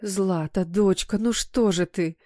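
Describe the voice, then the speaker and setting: Woman voicing a gentle, worried mother. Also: mid-range voice, takes it slowly, dry recording, clean studio sound, natural voice. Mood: soothing. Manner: soft, soothing. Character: gentle worried mother, soothing her daughter.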